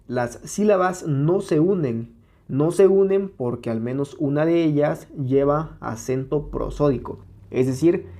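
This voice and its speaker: Mexican guy teaching, kinda high voice, slows down to sound out words, keeps checking "ok?". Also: mellow. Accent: Mexican Spanish. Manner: patient, explains step by step, checks in with "¿vale?" and "¿ok?"; sounds words out slowly to show syllables. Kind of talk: exam-prep lesson at a whiteboard.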